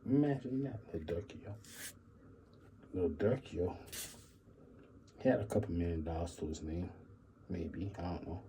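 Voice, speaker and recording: A man riffs on his channel in a very dark, mellow voice that sits a little low. He rambles and repeats phrases, musing out loud and dropping quiet half-joking asides, with faint room ambience behind him. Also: slight background noise, poor audio. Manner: repetitive, musing, keeps saying "imagine that". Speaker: channel host. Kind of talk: rambling solo commentary.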